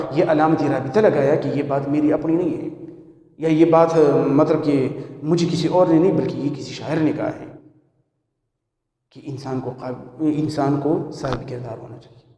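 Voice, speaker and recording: High-voiced male teacher, echoey room. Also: a little mellow. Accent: Pashto. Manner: explains slowly, repeating phrases with examples. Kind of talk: classroom lecture on punctuation. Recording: echoey room with long reverb.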